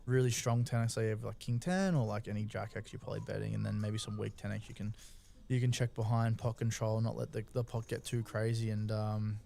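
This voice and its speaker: Male poker analyst, fairly low gravelly voice, informal and explanatory strategy commentary. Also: steady tone, a little fast, warm tone. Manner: informal, explanatory, often checking in with "right?".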